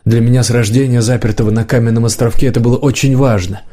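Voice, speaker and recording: A man's voice: medium pitch, fairly even intonation, quick pace, natural voice. A man voicing a guarded, earnest young man. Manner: quiet, careful. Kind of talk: audiobook character reading.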